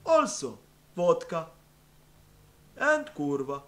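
Brief: a man playing a clownish fake-Russian meme guy, put-on Russian accent, a bit high, deliberately dumb. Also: sing-song, fairly bright tone, full character voice. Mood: mocking.

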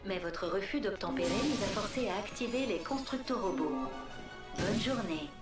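A woman voicing a stern female security announcer robot in a video game, speaking in a formal, cold, commanding tone over a public-address loudspeaker. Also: mid-range voice, expressive, normal speed. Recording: echoey, distant, over loud game music.

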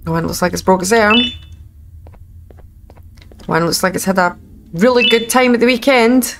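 With a mid-range voice at a normal speed, a Scottish gaming host in her thirties chats informally and wryly while playing a video game for a casual let's play. The background is noisy.

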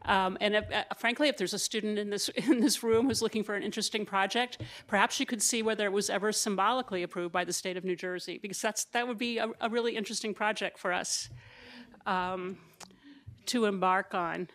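A woman in her sixties moderating an academic panel, posing questions in a thoughtful, measured way into a table mic. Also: medium pitch, fairly bright tone. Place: seminar room with a panel table and audience. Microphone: table mic on a stand.

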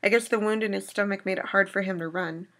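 A woman reading aloud as a shaken young woman survivor recounting an attack, in a steady storytelling manner. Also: mid-range voice, fast talker, close to an everyday voice. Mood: grieving.

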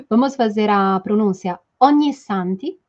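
A woman's voice: on the high side, darkish tone. A young woman from Italy with an Italian accent, giving a playful, casual language lesson and laughing often. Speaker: Italian teacher. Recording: slightly dull lo-fi sound.

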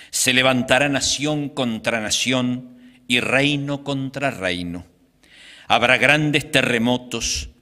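Slow, bright-voiced priest in his sixties. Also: medium pitch. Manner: slow, deliberate liturgical delivery. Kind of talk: reading the Gospel and preaching at Mass. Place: small chapel, indoors. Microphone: microphone on a stand in front of him. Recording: reverberant chapel sound.

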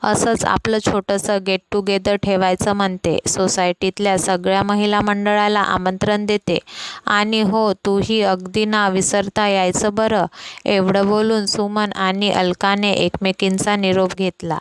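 Woman storyteller, level flat reading, very clean dry sound. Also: mid-range voice, a little slow, smooth, dry recording, low-quality recording. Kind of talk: scripted story narration with voiced dialogue.

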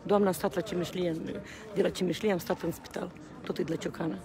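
A woman's voice: lowish voice, steady tone. A woman speaking passionately to a reporter outdoors at a rally, repeatedly appealing to the people around her. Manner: agitated, repeats appeals to the crowd. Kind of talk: impassioned street interview. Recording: outdoor street recording with crowd noise. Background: crowd.

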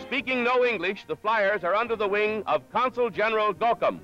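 A man's voice: sits high, normal speed. A man announcing an old 1930s newsreel in a formal narration, played from archive footage. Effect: old 1937 newsreel soundtrack played from archive. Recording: dull lo-fi 1930s newsreel audio with loud music. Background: loud music.

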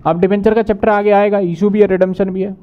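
Man, accounting teacher, high voice, smooth clear tone, muffled lo-fi recording, quizzes himself as he goes. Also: level tone. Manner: brisk, asks and answers his own questions. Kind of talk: whiteboard lecture.

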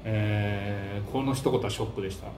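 A man's voice: fairly low pitch, moderate pace. A man with a Kansai accent, a comedian hosting a casual monologue, telling stories and acting out what people said. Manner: animated storytelling that acts out quotes. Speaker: comedian and book-review host. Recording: echoey room with faint hiss.

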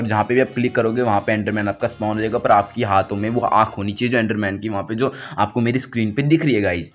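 A man doing a casual gameplay tutorial voice-over, chatty and thinking aloud as he picks options, recorded at home after the gameplay. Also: lowish voice. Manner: chatty, keeps saying "guys", thinks aloud while picking options. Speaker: gaming channel host.

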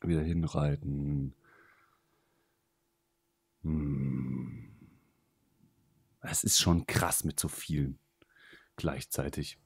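A man talking casually through a video game in a deliberately lowered, deep put-on voice, chatty and muttering to himself with loud exclamations. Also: steady tone, slight background noise. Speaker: let's play gamer. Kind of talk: casual gameplay commentary.

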